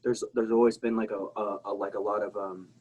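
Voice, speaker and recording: A man's voice: fairly low pitch, level tone, a little fast, darkish tone, slightly rough, rough recording. A man from South Texas talking casually as a podcast guest, candid and rambling, swearing freely. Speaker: guest, military veteran.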